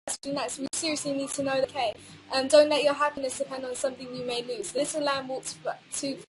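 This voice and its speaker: High-voiced young woman livestreaming. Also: little pitch movement, quick pace, rough recording. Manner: reads viewer quotes aloud, rambling and hesitant. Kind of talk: casual livestream chat.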